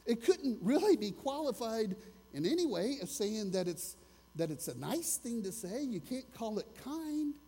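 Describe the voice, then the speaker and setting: A man's voice: very high-pitched, mellow, slightly rough, in a large hall. A man preaching a sermon as a pastor, earnest and conversational, asking his listeners questions as he goes.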